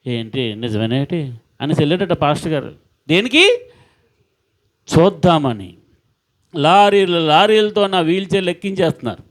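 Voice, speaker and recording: A man preaches with emphasis, his voice sitting a little high for a man. He keeps repeating phrases and throws rhetorical questions at his listeners. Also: expressive, normal speed, long pauses. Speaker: pastor. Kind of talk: sermon.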